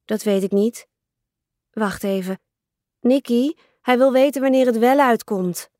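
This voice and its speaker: Storybook kid sister, small girl, whiny and pleading, high and slow, put on by a woman reader. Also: dark tone, no echo, clean studio sound, lightly acted. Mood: insistent. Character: whiny pushy little girl, younger sister.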